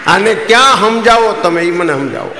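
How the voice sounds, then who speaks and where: A man's voice: high voice, expressive, normal speed, background noise. A man from Jamnagar with a Kathiawadi Gujarati accent, telling jokes on stage in a folksy storytelling manner and acting out the dialogue. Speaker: stand-up comedian. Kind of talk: stand-up joke telling. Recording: echoey hall, live stage.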